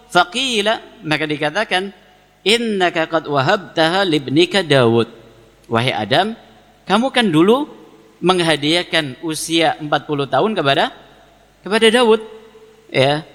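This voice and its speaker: This is an Islamic lecture by a man with a Javanese Indonesian accent whose voice is fairly high and a bit bright. He teaches a congregation by reading Arabic text and explaining it didactically, repeating phrases and answering his own questions. The recording has a long reverberant hall echo.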